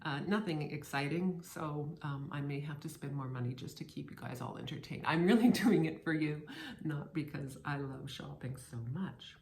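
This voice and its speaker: A woman chatting casually on her cross stitch vlog, playful and warm with friends, often repeating words as she restarts. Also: low-pitched, moderate pace, gravelly. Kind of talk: casual chat to camera. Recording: roomy echo.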